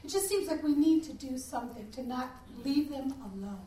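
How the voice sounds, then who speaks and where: A high-voiced middle-aged woman speaks earnestly on a panel, heartfelt and pausing to find her words. She is picked up from a distance in an echoey room. A faint hiss sits under her voice. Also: expressive. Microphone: distant room mic.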